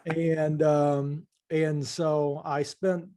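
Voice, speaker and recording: A man's voice: on the high side, level tone, extremely slow, darkish tone. Thoughtful man with an Appalachian accent. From eastern Kentucky, USA. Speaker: podcast guest. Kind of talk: reflective interview talk.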